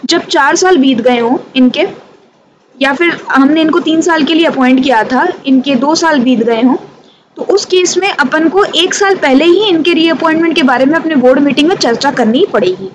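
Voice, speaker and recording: Speaking at a moderate pace in a high register, this Indian-accented woman teaches a casual revision class on company law, switching between Hindi and English. Her tone is conversational and she speaks straight to her students. There's clearly audible noise behind her.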